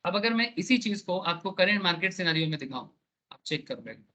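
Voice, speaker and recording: Bright, high-voiced man teaching. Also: animated, brisk. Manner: explains with everyday analogies, checks in with students. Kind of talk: online class lecture.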